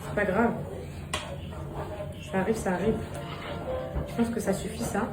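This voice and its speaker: A young mother vlogging casually at home, rambling and animated with many restarts, and cooing affectionately to her children. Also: medium pitch, unhurried, music in the background. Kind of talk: casual vlog chat to viewers. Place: home with kitchen. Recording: echoey room with background noise.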